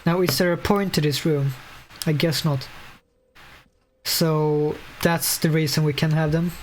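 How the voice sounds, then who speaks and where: Slow-talking man casually swearing through a game. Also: on the high side, fairly even intonation, slight background noise. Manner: laid-back, swears freely, thinks aloud. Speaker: streamer playing a horror game. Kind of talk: casual let's-play commentary.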